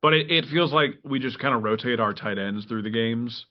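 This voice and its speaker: Chatty man co-hosting a lo-fi podcast. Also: medium pitch. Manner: animated, quick restarts, acts out quotes. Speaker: podcast co-host. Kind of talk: casual sports chat. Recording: dull lo-fi podcast audio.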